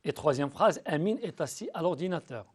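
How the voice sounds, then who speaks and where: A male teacher giving a recorded school lesson, speaking patiently to pupils and slowly spelling out syllables. He often repeats and restarts words. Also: a little high, expressive, darkish tone, breathy edge.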